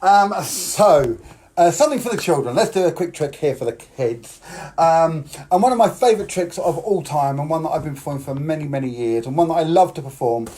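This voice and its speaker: Brisk and warm, with a fairly high pitch, this British man delivers live-streamed magic show patter for kids. As a children's party magician, he talks the boys and girls through tricks and invites them to play along.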